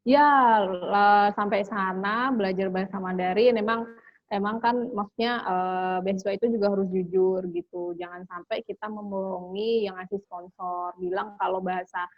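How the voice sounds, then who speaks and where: A woman's voice: medium pitch, fairly even intonation, normal speed, dry recording. Chatty young woman with fillers, dry dull audio. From Indonesia. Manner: chatty, lots of fillers, mixes in English phrases. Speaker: interview guest, scholarship graduate. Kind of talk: casual storytelling interview.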